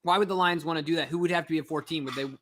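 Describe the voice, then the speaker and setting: A man co-hosting a live draft show, asking questions in an excitable, playful way. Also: on the high side, rapid-fire. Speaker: sports talk co-host. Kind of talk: casual draft-night chat.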